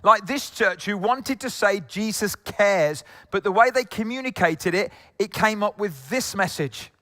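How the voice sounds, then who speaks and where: A man's voice: high-pitched, lively intonation, measured pace, sharp tone. A middle-aged man preaching a sermon as pastor, chatty and jokey, with many fillers. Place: church hall. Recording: long hall reverb.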